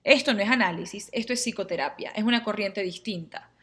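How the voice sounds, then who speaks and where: Mujer que explica temas de astrología y psicoterapia a sus seguidores, con tono animado y acento venezolano, imitando diálogos breves. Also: female voice, medium pitch, a little fast. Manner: lively, acts out little dialogues in quotes. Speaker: astrologer and therapy teacher. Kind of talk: casual explainer to viewers.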